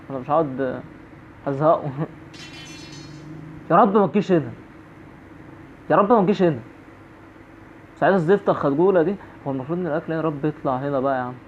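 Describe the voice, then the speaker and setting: A man's voice: fairly high pitch, very fast, long pauses, a little mellow, slight background noise. A man with an Egyptian Arabic accent giving jumpy horror-game commentary, repeating phrases over and over. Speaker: gaming YouTuber. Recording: tinny phone-like audio.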